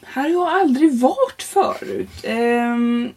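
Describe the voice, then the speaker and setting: A woman doing a chatty sixty-something driving examiner, quirky dialect, blokey and self-assured, husky mellow voice. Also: high-pitched, animated, exaggerated voice.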